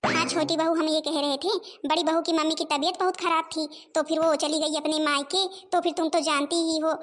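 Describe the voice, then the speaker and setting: Bossy older mother-in-law, voiced by a woman, high-pitched, scolds and complains. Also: little pitch movement, fairly quick, lightly acted. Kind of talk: cartoon voice acting.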